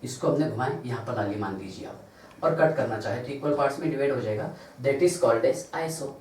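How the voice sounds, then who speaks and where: A man's voice: mid-range voice, a little mellow. Echoey distant male chemistry teacher. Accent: Indian Hindi. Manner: asks rhetorical questions and answers them himself; spells out formulas slowly, counting carbons aloud. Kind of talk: classroom lecture. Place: large classroom. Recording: echoey room, distant mic, faint noise.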